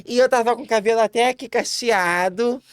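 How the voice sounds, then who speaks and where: Smooth-voiced woman telling a lively story. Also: no room sound, clean studio sound. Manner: lively, laughing, quick restarts, high-pitched quoted voices. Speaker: podcast guest. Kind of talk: casual storytelling chat.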